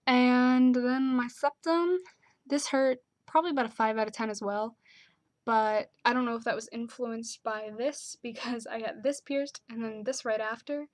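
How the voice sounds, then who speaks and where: A young woman chatting casually to her camera, with lots of "like" and "um" fillers. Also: a little high. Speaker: vlogger.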